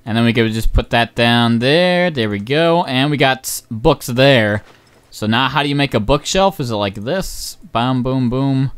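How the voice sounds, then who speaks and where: A young channel host gives loose, wandering gameplay commentary, getting excited and swearing a lot, with plenty of ums and uhs. His mid-range voice is turning hoarse, and he talks a little slowly.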